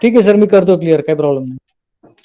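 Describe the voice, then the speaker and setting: A man's voice: fairly high pitch, lively intonation, quick pace, warm tone. A man student in an online class, asking his teacher questions politely. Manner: polite, deferential. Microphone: video call.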